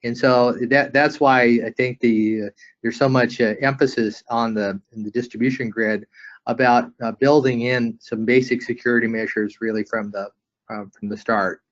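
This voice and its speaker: Halting male webinar moderator. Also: medium pitch, fairly even intonation, highs cut off. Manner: halting, repeats words often.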